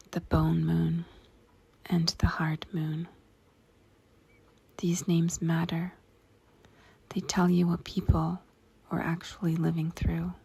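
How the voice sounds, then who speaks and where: A woman guides a meditation in a hushed, whispery, creaky voice with a fairly low pitch. She speaks in deliberate short phrases separated by spacious pauses.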